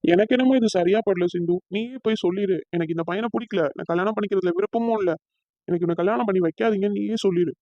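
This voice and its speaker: A hurt young man in a cartoon, voiced by a performer, pouring out bitter complaints at a fast clip. The recording is dull and lo-fi, with a dry, close sound. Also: medium pitch, no echo, close to an everyday voice. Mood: resentful. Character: hurt, resentful young man about to marry.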